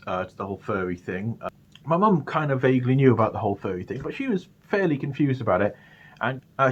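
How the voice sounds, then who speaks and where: A British storyteller and channel host tells a personal story casually in a mid-range voice, frequently stammering and repeating words along the way. The recording sounds muffled.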